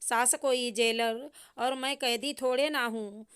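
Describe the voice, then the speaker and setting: A woman's voice: on the high side, steady tone, takes it slowly, fairly bright tone, clear, resonant tone. A woman voicing a stubborn, spoiled young bride who talks back angrily. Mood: angry. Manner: sulky, defiant.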